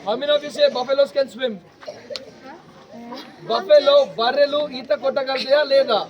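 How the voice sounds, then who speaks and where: A high, quick voice comes from a young man with an Indian English accent as he runs a self-defense drill for a crowd of students, dropping into Telugu now and then. He belts out his commands to the group. The sound is dull and lo-fi, with children murmuring behind him. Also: fairly even intonation, background noise. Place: outdoors at a school, large group of students. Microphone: no microphone, camera at a distance.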